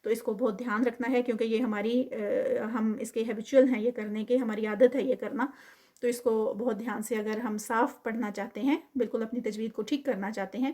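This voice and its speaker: A woman's voice: fairly high pitch, steady tone, mellow. A woman with a Pakistani Urdu accent teaching Quran recitation, who draws out each example word in recitation and then explains it carefully, mixing in English terms.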